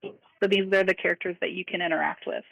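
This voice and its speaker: A woman's voice: lowish voice, steady tone, quick pace, gravelly, fairly bright tone, no echo. A woman narrating a tabletop game as dungeon master, playful and laughing, with frequent fillers. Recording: dry, phone-like sound.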